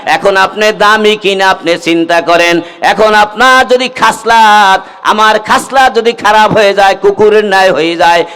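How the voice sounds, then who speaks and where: With a steady, high-pitched voice that is smooth and fairly bright, a man with a Bangladeshi accent speaks at normal speed in a waz sermon. He exhorts the gathering, prompts them to respond, and slips between talking and melodically chanting verses and rhymes.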